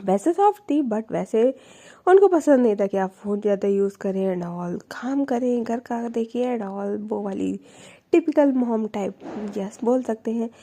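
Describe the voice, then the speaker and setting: A woman's voice: fairly high pitch, animated, unhurried, dark tone. A young woman casually narrating a love story in a chatty way, sprinkling in English fillers.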